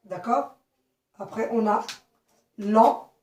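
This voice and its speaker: A woman teacher with a slightly high voice, leading a phonics lesson for small children. She speaks slowly and deliberately, spelling words letter by letter and repeating each one. The sound is roomy and echoey, picked up from a few steps away. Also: expressive, a little mellow. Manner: slow, clear, repeats and spells words out, checks with "d'accord?". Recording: echoey room, voice from a distance.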